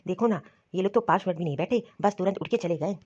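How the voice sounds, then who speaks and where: Woman playing a quick, nagging cartoon son who sides with his mother. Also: on the low side, a little mellow, husky, lo-fi sound.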